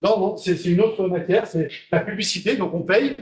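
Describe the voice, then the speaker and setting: A lecturer with a voice high for a man and a darkish tone teaches at a moderate pace. His style is conversational, peppered with questions to the room and fillers between ideas.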